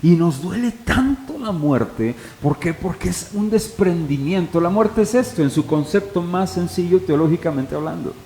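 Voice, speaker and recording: Dark in tone yet fairly high in pitch, a pastor's voice fills an echoey hall as he preaches. His sermon is conversational and peppered with rhetorical questions for the congregation, and a faint ambience sits underneath.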